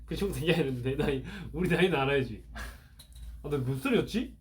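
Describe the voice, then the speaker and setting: A man's voice: mid-range voice, a little fast, slight background noise. A man in his twenties co-hosting a livestream, talking in an easygoing, conversational way. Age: 20s. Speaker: livestream co-host. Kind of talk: casual chat.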